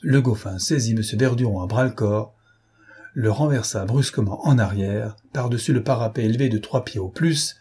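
A man narrating a classic novel in a measured, expressive way. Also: on the low side, slightly rough. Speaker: audiobook reader.

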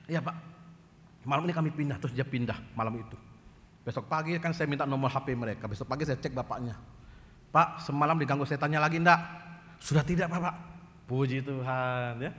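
A man preaching a sermon as pastor, telling a story in a lively way and acting out the voices of the people in it. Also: on the high side, brisk, pauses often. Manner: animated, acts out dialogue in quoted voices. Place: church. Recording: church hall reverb.

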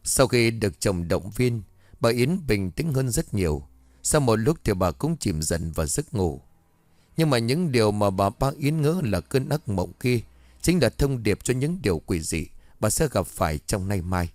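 A man narrating a horror story in a steady, measured storyteller's way. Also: lowish voice, no room sound.

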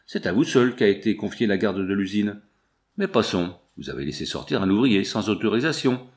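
A man's voice: on the low side, expressive, brisk, lightly acted. A man voicing a stern factory boss. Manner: curt, harsh. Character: stern middle-aged male factory boss.

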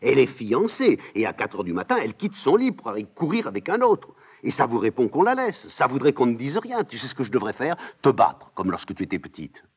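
A man reading a play aloud, voicing a fussy, scolding old nursemaid in a high raised voice. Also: huge pitch swings, brisk, husky, full character voice. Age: older. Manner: shrill, scolding, exclamatory.

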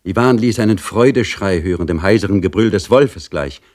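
A man reading a literary story aloud in a measured, dramatic storytelling manner. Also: low-pitched, a little mellow. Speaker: audiobook reader.

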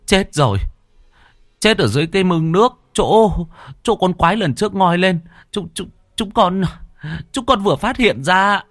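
A man's voice: mid-range voice, very animated, unhurried, pauses often, a bit bright, no room sound, clean studio sound, pitched above the performer's own voice. A man voicing a frightened young soldier who stammers and repeats his words. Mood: panicked.

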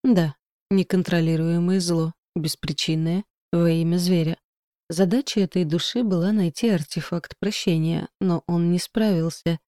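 A woman voicing a gloomy male spirit guardian who mentors a trainee, speaking grimly and slowly. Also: lowish voice, fairly even intonation, dark tone, dry recording, clean studio sound, natural voice. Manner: grim, slow.

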